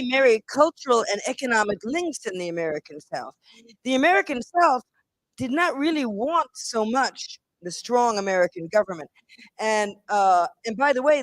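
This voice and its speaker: A woman's voice: a little high, no room sound, poor audio. Woman giving a dry, close lecture. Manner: poses questions to the audience and answers them herself; deliberate, with frequent restarts and repeated words. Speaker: university professor giving a guest lecture. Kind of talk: academic lecture.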